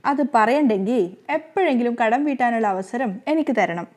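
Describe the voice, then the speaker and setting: A woman's voice: fairly high pitch, lively intonation, moderate pace, darkish tone, close to an everyday voice. A woman voicing a mischievous young wife who talks in a playful, teasing way. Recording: slightly muffled lo-fi recording.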